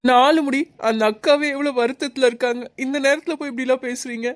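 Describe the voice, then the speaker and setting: A woman voicing a kind, sensible young village woman in an animated drama, earnest and soothing. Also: sits high, fast, heavy background noise, natural voice. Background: music.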